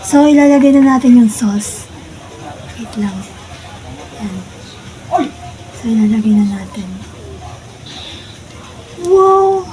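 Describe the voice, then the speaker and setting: A woman's voice: high-pitched, darkish tone, a little hiss or hum, low-quality recording. A Filipino woman vlogger chatting casually to her viewers as she films a food challenge. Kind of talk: casual vlog talk to viewers.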